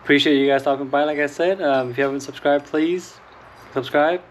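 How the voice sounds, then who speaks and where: Halting man chatting over a meal. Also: fairly high pitch, steady tone, slight background noise. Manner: halting, full of ums and uhs. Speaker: fishing channel host. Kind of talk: casual chat while eating.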